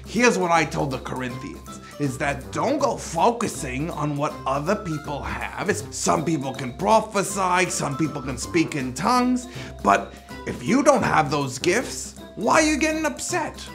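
A man playing an excitable, fatherly old apostle who chides with rhetorical questions in a comic children's monologue. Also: fairly high pitch, a little slow, creaky, over music, exaggerated voice. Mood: playful scolding. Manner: chiding, rhetorical questions, nervous chuckles. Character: excitable, scolding, fatherly elderly Apostle Paul. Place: studio, costumed before a cartoon backdrop.

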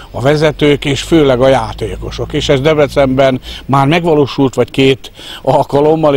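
A man in his fifties giving an interview in a halting, hesitant way into a handheld microphone. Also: medium pitch. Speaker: fan club organiser, interviewee. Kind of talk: interview talk. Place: outdoors in a park. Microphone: handheld reporter microphone. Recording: outdoor park ambience, faint noise.

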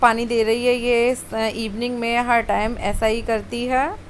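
A woman's voice: on the high side, little pitch movement, a little slow, slight background noise. A woman vlogger chatting casually over home video of her kitchen, homely storytelling with many fillers.

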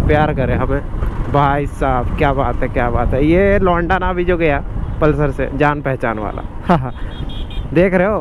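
A young male motovlogger chats casually while riding his motorbike on an outdoor road, his voice on the high side. He mixes English words into his speech and laughs often. His helmet-mounted mic picks up wind and traffic noise.

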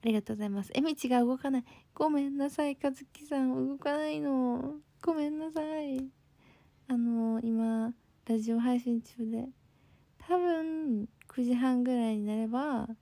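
A young Kansai woman hosts a livestream, her voice a little high, creaky, and dark in tone, with no echo. She's bubbly and casual, reading comments and thanking viewers often despite seeming a bit sleepy.

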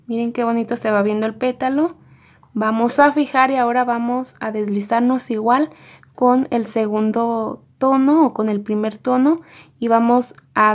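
Calm woman talking through embroidery steps. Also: a little high, moderate pace. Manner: calm, methodical, repeating each stitch step. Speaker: embroidery teacher. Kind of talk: step-by-step craft tutorial.

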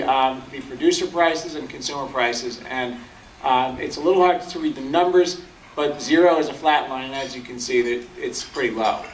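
A man's voice: fairly high pitch, slight background noise. A middle-aged man giving a business presentation on the economy from a podium, explaining charts in a plain way with frequent ums. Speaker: bank economist speaker. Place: large function hall at a podium. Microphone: podium mic, filmed from the audience. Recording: echoey hall, distant from the camera.

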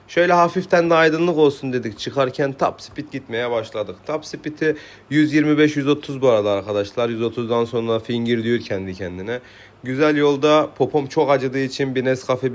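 A man with a medium-pitched voice narrates a motovlog. His delivery is casual and informal, full of slang. He moves along in short, clipped sentences.

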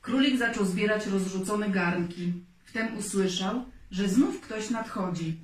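A woman reading a children's story aloud in a steady, expressive way. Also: mid-range voice, unhurried. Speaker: storybook reader. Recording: echoey room, far mic, faint noise.

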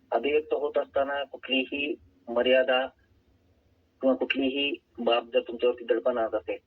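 Husky man calling in by phone. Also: medium pitch. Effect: heard over a phone line. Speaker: author and poet, guest caller. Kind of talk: phone-in interview answers. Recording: tinny phone line.

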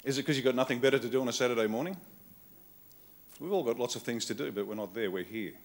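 Speaking quickly in a mid-range voice, an Australian man gives a political keynote in a conference hall with a live audience. His phrases are short, punchy, blunt and wry.

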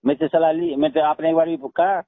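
This recorded phone argument features a Haryanvi-accented, middle-aged father-in-law insisting and repeating himself amid a family dispute. His voice sits on the high side, a little fast, with fairly even intonation; the telephone recording is dry.

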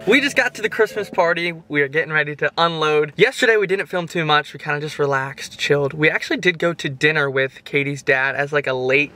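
Filming himself at arm's length at night in his car and a parking lot, a young vlogger in his twenties gives chatty, upbeat road-trip updates. He talks a little fast with hardly any pauses, in a fairly high, sharp-toned voice. Faint music plays behind him.

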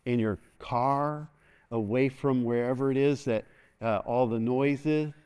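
A middle-aged man preaching a sermon from a church stage, animated and constantly calling for an "amen" from the congregation. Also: medium pitch, a little slow, clear, resonant tone. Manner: animated, moves about the stage, call-and-response asking "amen". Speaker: pastor. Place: large church stage, indoors.

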